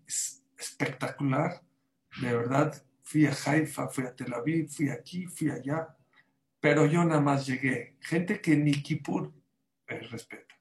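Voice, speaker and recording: A man, a rabbi telling lively anecdotes in a panel talk. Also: on the high side, rough recording. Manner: lively anecdotal storyteller, quick asides.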